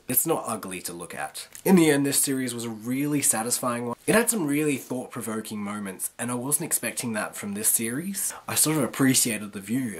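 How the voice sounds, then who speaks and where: A woman reviewing anime to camera with a raspy, rough voice, hoarse from the flu. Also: extremely low pitch. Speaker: anime reviewer, video host. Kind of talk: review to camera, semi-scripted.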